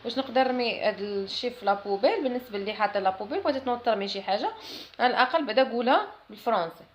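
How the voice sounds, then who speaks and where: A woman with a Moroccan accent teaching French classroom phrases, explaining in Arabic and saying the French phrases slowly and carefully. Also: fairly high pitch, slight background noise.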